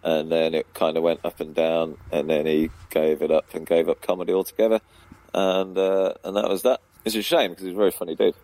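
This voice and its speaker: Deep-voiced man in laid-back chat. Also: flat delivery, a little fast, warm tone, no room sound, poor audio. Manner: rambling, laughs often, many fillers. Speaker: comedy club promoter and compere, guest. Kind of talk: casual radio chat. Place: radio studio.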